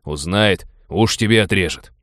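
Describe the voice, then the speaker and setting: A man's voice: deep voice, normal speed, a bit bright, no echo, studio quality. Man doing brash know-it-all dock buddy, audiobook. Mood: cocky. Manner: condescending, brash. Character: cocky male dockside lowlife, know-it-all.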